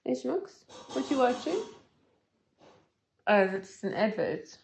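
This South African woman in her forties speaks slowly, her rather high voice swinging widely in pitch and dropping into vocal fry. She is playfully addressing the phone she holds at arm's length while vlogging a road trip from inside a car at a petrol station, with slight noise behind her.

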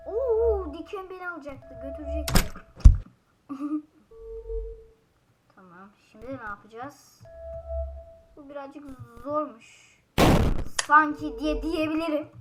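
A woman with a high voice talks her viewers through a platformer, getting frustrated and cursing at the game. Loud game music plays behind her the whole time. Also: lively intonation, takes it slowly, pauses often. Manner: frustrated, swears and yells at the game. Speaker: gaming YouTuber. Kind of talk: casual gameplay commentary.

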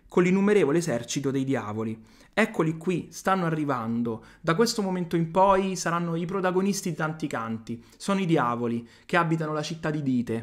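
A man with an Italian accent giving a video lesson, reading old verses aloud and paraphrasing them plainly. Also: a little high. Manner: reads verses then explains them plainly. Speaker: literature teacher.

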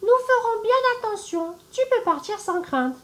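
A woman voicing a chorus of frightened young goat kids in a shrill, shouting way. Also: animated, measured pace, exaggerated voice. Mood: alarmed.

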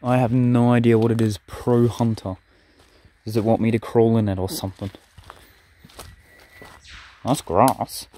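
A man's voice: mid-range voice, level tone, measured pace, pauses often, warm tone. Chatty young man vlogging. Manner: chatty, rambling, easygoing. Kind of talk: casual vlog narration and walk commentary.

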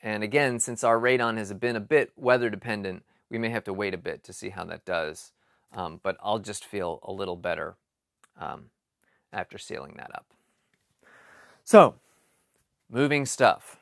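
A man in his forties explains a basement project in a relaxed vlog, thinking aloud with frequent ums and restarts, recorded in a cluttered basement. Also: fairly low pitch, moderate pace, vocal fry, pauses often, dry recording, studio quality. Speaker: home improvement vlogger. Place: cluttered basement storage area.

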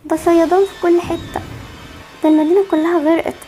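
A woman's voice: very high-pitched, steady tone, fast, mellow, soft background music. A woman voicing Barbie, an anxious, protective young mother with an Egyptian accent, fretful and soothing in an amateur game movie. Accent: Egyptian Arabic.

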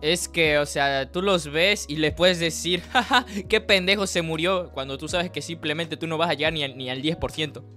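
Bright-voiced Mexican man joking over gameplay. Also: a little high, steady tone, normal speed, few pauses, soft background music. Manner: joking, rambling asides with laughs. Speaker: reaction video host. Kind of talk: casual reaction commentary.

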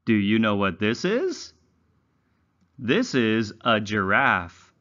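A man teaching young learners English leads a read-along lesson for small children, enunciating carefully with exaggerated, instructional intonation. His lowish voice swoops wildly in pitch and sounds bright and forceful at a slow pace, with lo-fi sound.

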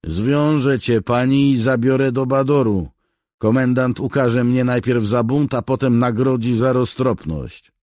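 A man voicing an exasperated, blunt soldier who argues loudly in an audiobook. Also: medium pitch, unhurried, dry recording, clean studio sound, voice pushed up, lightly acted. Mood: angry. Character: angry male soldier, a blunt decurion. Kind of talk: audiobook character voice.

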